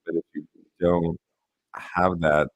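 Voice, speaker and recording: A man's voice: low-pitched, flat delivery, slow, dry recording. A man hosting a live video chat, talking casually with fillers and restarts while his audio cuts in and out, leaving the volume uneven. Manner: thinks aloud with fillers and restarts. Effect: audio cutting in and out, uneven volume. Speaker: livestream host.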